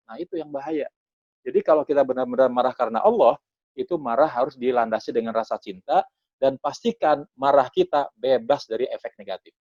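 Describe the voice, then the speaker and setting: A man's voice: medium pitch, darkish tone, no echo, dull audio. A man leading an online parenting seminar, answering parents' questions. He asks himself rhetorical questions and answers them, with sudden emphatic bursts.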